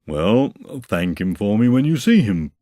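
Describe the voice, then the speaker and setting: Guy putting on a mopey old donkey, slow and sorry for himself, raised a bit higher than his own voice, sing-song drooping lines, dry close sound. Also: very animated, dark tone, dry recording. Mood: sulky. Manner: slow, mournful complaining. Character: gloomy old male donkey, self-pitying.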